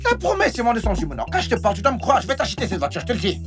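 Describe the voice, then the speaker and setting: Film dub: woman voicing a doting lover man, stammering and repetitive, wildly swinging pitch, quick delivery, soft music bed. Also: sing-song. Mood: fussing. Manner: stammering, repeating himself, fussing over her. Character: doting married man fussing over his young lover.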